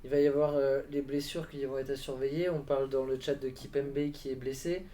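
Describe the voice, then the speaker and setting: A man's voice: medium pitch, little pitch movement, fairly quick, mellow. A man hosting a live sports stream, reading chat comments and asking questions. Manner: brief acknowledgements, reads chat questions. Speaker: host.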